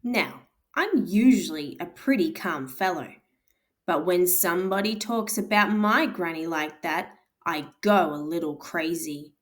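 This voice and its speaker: Guitar music runs under a woman's fairly low voice, kept close to how she normally talks. She narrates a storybook as the wronged wolf, a self-pitying male who claims innocence, stretching her words slowly and sounding aggrieved.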